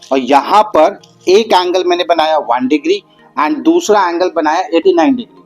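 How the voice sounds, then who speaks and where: A male math teacher explains geometry in a patient, encouraging way. His voice sits a little high for a man, and he drags out the important terms. Soft music plays faintly behind him. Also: big pitch swings, rough recording. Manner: patient, addresses students as "beta"; slows down and stretches out key terms.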